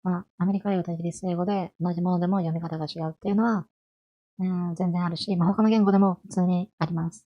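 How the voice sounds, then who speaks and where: A woman's voice: fairly low pitch, steady tone, fast, dull audio. A woman in her twenties giving a chatty, friendly explainer lesson on language, asking her listeners rhetorical questions. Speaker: language vtuber.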